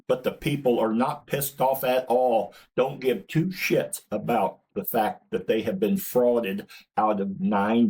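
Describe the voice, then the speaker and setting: A man's voice: medium pitch, darkish tone, husky, low-quality recording. A man hosting his own channel, delivering a blunt, indignant political opinion rant with swearing. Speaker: channel host.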